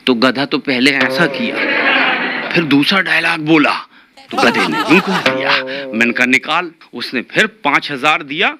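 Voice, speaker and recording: Animated man telling comic stories. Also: fairly high pitch. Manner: animated, repeats lines for comic effect. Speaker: stand-up comic poet. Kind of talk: stand-up comedy storytelling.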